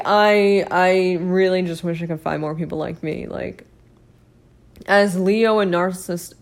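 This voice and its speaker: A young woman hosting a casual solo podcast, rambling with many fillers and self-mocking laughs, her voice hoarse as she is losing it. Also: lowish voice. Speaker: podcast host.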